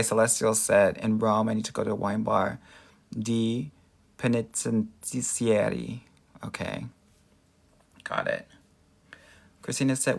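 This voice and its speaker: Sassy, girly-talking American man with creaky voice. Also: on the low side. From Los Angeles, United States. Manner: sassy, effusive, girly best-friend way of talking. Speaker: dating coach and livestream host. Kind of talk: casual livestream chat answering viewer questions.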